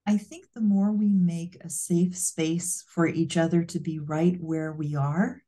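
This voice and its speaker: A woman's voice: on the low side, steady tone, measured pace, mellow. A woman co-hosting a casual heart-to-heart conversation, speaking earnestly and reflectively. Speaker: co-host.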